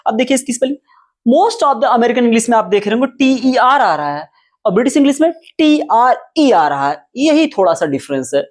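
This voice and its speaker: A man teaching English at a whiteboard who explains step by step, spells words out letter by letter and repeats them slowly. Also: very high-pitched, expressive. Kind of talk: whiteboard lesson. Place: classroom with whiteboard.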